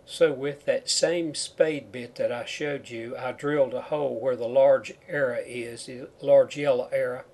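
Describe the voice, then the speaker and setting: A man's voice: mid-range voice, fairly even intonation, unhurried, hardly any pauses, darkish tone. A man narrating a step-by-step how-to tutorial, his speech marked by a whistle on s sounds from a chipped tooth. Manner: plain, step-by-step explaining. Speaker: DIY home wiring instructor.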